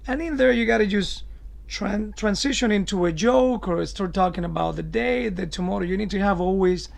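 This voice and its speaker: A man answering interview questions as a cruise director, explaining things emphatically in deliberate phrases. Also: high voice, creaky.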